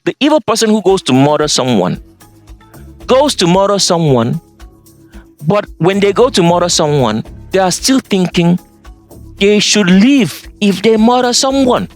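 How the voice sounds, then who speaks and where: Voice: big pitch swings, a little slow. African-accented preacher type, pounding the point, voice all over the place, faint music underneath. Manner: emphatic, insistent, swings between loud and low. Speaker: channel host. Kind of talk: preaching monologue over slides.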